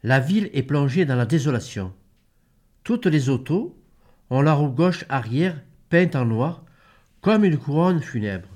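A man's voice: a little high, expressive, measured pace, darkish tone. A man reading a novel aloud in first person, trading passages with a female reader. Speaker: audiobook reader. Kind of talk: read-aloud literary narration.

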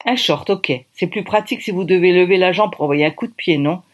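A woman reading aloud, voicing a brisk, bossy woman in charge of costumes who gives curt orders. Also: lowish voice, close to an everyday voice. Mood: dry, teasing. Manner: curt, commanding.

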